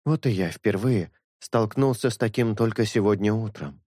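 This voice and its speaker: Male narrator as a sincere young priest: measured, thoughtful, low voice, dry close sound. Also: mellow, no room sound, close to an everyday voice. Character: earnest young male priest, calm and honest.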